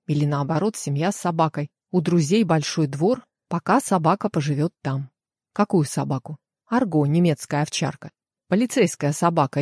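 A woman's voice: low voice, a little mellow, husky, no room sound, studio quality. A woman voicing a male police officer giving a matter-of-fact report in an audiobook.

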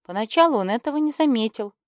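A woman reading a fantasy novel aloud as audiobook narrator, with even storytelling delivery. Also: a little high, quick pace, no echo, studio quality. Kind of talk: scripted narration.

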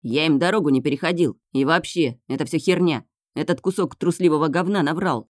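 A woman reading aloud voices an obsessive, menacing young man who snarls, swears and bursts into shouting. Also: sits low, a little fast, no echo, clean studio sound. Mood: bitter.

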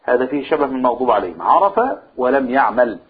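Egyptian man teaching, husky lo-fi sound. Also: medium pitch, lively intonation, racing. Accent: Egyptian Arabic. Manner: asks the room questions and answers them himself; draws out vowels to demonstrate recitation. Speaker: teacher of a religious text. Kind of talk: religious lesson to a group. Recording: husky, phone-like lo-fi recording.

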